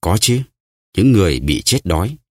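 A man voicing a calm, unbothered male bandit chief in an audiobook. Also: low-pitched, moderate pace, no room sound, clean studio sound. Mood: cool.

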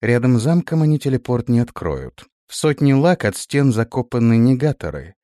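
A man voicing a calm, confident witch who speaks in an unhurried way. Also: medium pitch, no room sound, studio quality, close to an everyday voice. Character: calm, self-assured woman witch.

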